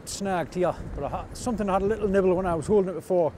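Fishing from rocks on a wet, windy night, a vlogger from North East England keeps up relaxed, self-deprecating narration with dry humour. He has a high voice with a dark tone and rattles along rapidly. Faint wind can be heard on the outdoor camera audio.

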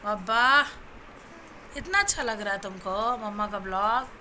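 A woman's voice: medium pitch, animated, unhurried, sharp tone, a little hiss or hum. A young woman vlogging at home as a new mother, cooing and coaxing her baby in sing-song baby talk, then talking to viewers. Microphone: phone camera.

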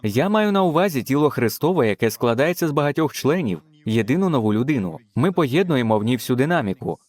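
A man's voice: mid-range voice, big pitch swings, fast, a little mellow, no room sound. A man preaching a dubbed sermon in a fervent way, with frequent exclamations of praise.

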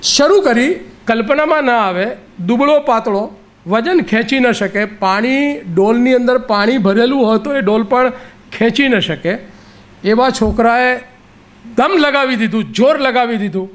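A man's voice: very high-pitched, a little slow. A man giving an inspirational public lecture, telling stories in a conversational way and repeating phrases for emphasis.

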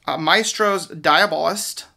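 A man talks through a card pack opening in a bright, forward voice with a gravelly creak at its edges. His commentary is casual and unscripted, and he often hesitates or leaves a thought hanging. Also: a little high, slow pace.

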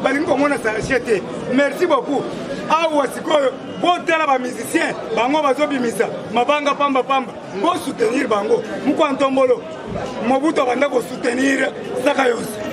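A man's voice: very high voice, normal speed. A man speaking emphatically to camera outdoors, making announcements and reciting praise titles. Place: outdoors in a city street crowd. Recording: loud crowd behind.

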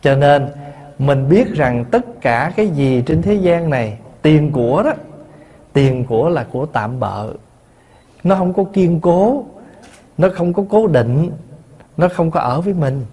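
Buddhist monk, storytelling sermon, slightly high voice. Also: male voice, animated, a little slow, dark tone, husky. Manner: storytelling, asks the listeners questions, chuckles. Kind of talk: dharma talk sermon.

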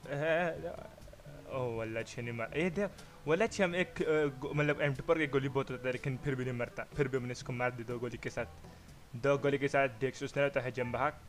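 A man with a Pakistani Urdu accent giving comic, excitable commentary over his own sniper match, mock-insulting his opponents. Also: mid-range voice, normal speed. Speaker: gamer giving funny commentary. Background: background music.

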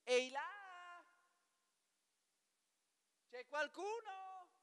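A boastful, greedy bird-catcher from a storybook, played by a man. The voice is shrill and very high, bouncing wildly as it whines and exclaims. The sound is dry and close. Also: animated, extremely slow, fairly bright tone, dry recording, in a large hall, exaggerated voice. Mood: calling out.

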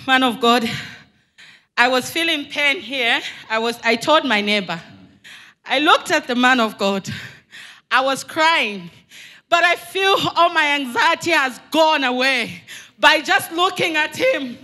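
A woman's voice: high-pitched, lively intonation, unhurried, bright, forceful tone. A young woman from Zambia giving an earnest, emphatic church testimony into a handheld mic in a large hall. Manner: earnest, emphatic, retelling dialogue.

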